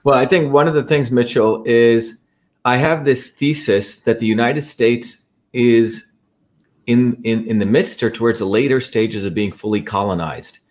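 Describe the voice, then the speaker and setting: A man's voice: mid-range voice, unhurried, darkish tone. A man hosting an interview, explaining his views at length in a lecturing way. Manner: lecturing, with frequent restarts. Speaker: host. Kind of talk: interview conversation.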